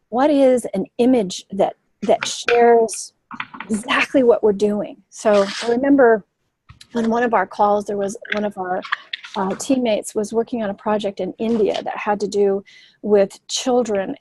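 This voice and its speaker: A woman's voice: medium pitch, warm tone, no room sound, low-quality recording. A filmmaker woman leading a webinar workshop on storytelling, speaking in an enthusiastic, fluent, teacherly way over a video call. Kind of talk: webinar presentation.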